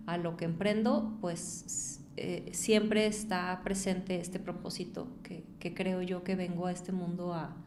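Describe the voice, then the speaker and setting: A woman's voice: medium pitch, darkish tone, slight background noise. Reflective woman entrepreneur. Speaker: guest, entrepreneur and author. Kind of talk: conversational interview.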